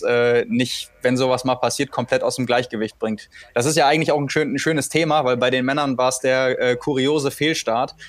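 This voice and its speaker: A man chats as a podcast expert over a remote link. He talks in halting runs, stopping and restarting while he works out his points. His pitch sits in the middle range. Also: dry recording. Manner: hesitant, many fillers and restarts, thinking aloud. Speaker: podcast co-host, triathlon expert. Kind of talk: casual podcast chat. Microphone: remote call.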